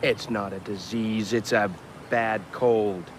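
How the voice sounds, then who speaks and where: An actor playing a sarcastic, deadpan man in a film scene. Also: on the low side, slow pace, background noise. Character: man, sarcastic and dry-witted, sick with a cold.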